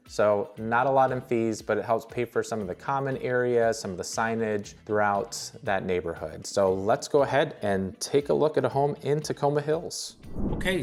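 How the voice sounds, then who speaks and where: A man hosting a real estate video in an informal top ten countdown style, often repeating key phrases. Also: medium pitch.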